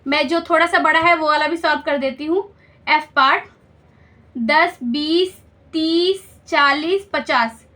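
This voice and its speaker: A woman's voice: extremely high pitch, sharp tone. A woman teaching a school maths lesson step by step, patiently explaining and checking understanding with questions.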